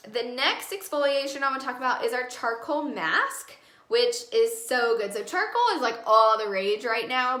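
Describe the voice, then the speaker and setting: Chatty woman in her 20s doing a live skincare demo, bright voice, a bit high, roomy echo. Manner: chatty and upbeat, with many fillers and asides to viewers. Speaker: beauty consultant hosting a live skincare demo. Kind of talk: casual live-stream product talk.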